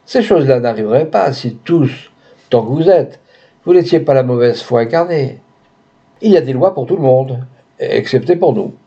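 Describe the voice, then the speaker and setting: A man's voice: medium pitch, expressive, normal speed, dark tone, lightly acted. A man voicing a scheming, cynical young woman who coolly bargains, read in a storybook style on a dull lo-fi recording. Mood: haughty. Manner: cool, haughty, bargaining.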